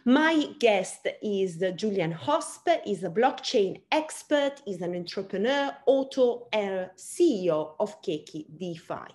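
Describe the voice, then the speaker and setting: A woman hosting an interview show, upbeat and animated as she introduces and questions her guest. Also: mid-range voice, slow, few pauses. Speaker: host.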